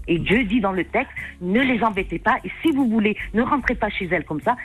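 Emphatic woman caller, mid-pitched, repeating herself. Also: lively intonation, a little fast, slightly rough, phone-quality sound. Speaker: radio phone-in caller. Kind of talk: earnest casual opinion talk.

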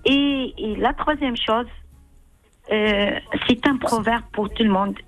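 A woman's voice: fairly high pitch, takes it slowly. A woman caller with an Algerian Arabic accent, speaking broken French and often switching into dialectal Arabic on a radio phone-in. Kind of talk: casual talk on a call-in show. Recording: narrow tinny phone line, music behind.

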